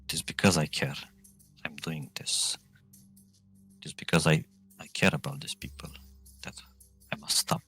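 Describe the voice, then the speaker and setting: A man voicing a stern, commanding goddess of the underworld in a solemn, deliberate tabletop game performance. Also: very deep voice, steady tone, vocal fry, pushed and bright, slightly rough, soft background music, exaggerated voice. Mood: solemn, reproachful.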